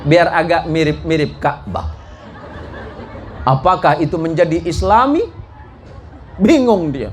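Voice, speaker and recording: This man preaches at a mosque gathering to a live congregation, keeping things jocular and folksy and frequently asking his listeners questions. He speaks slowly in a higher-than-average voice with lively intonation, pausing often. A faint crowd can be heard, and the recording of this live talk has clear background noise.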